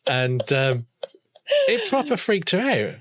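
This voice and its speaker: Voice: mid-range voice, no echo. Laid-back podcast co-host. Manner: relaxed, drawn-out storytelling with fillers. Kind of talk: casual chat.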